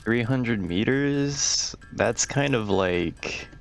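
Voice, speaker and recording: A man's voice: mid-range voice, lively intonation, extremely slow, gravelly, faint music behind. A man playing a game with a friend, chatting casually in a laid-back, joking, complaining way. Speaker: co-player. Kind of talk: casual chat while gaming.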